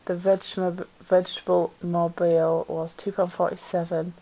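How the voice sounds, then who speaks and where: A pet vlogger unboxes something at home indoors, her camera aimed down into a box, chatting casually in a low, mellow voice that barely moves in pitch. She is slightly congested with a cold and sounds a bit stuffy, talking at a moderate pace in a chatty, self-deprecating way that rambles with ums. The recording is low quality.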